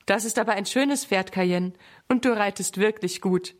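A woman's voice: medium pitch, normal speed, lightly acted. A woman voicing a kind but firm mother in a children's story.

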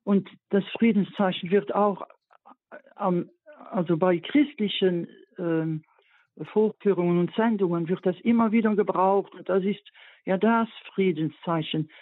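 A woman calling in to a radio show with a question, hesitant and filling pauses. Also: medium pitch, no room sound. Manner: hesitant, many fillers. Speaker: caller. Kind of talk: phone-in call. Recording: tinny dry phone line.

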